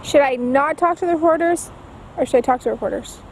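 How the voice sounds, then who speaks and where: A woman's voice: high-pitched, brisk. A woman chatting casually on a phone call, hesitant and full of questions. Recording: noisy phone call recording.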